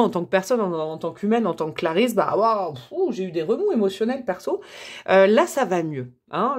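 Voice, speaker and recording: A French woman chats her way through a tarot reading for her channel's viewers. Her talk is loose and friendly, with fillers, restarts and little asides. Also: mid-range voice. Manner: chatty, warm, many fillers and self-corrections. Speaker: tarot reader and channel host. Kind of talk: casual tarot reading to camera.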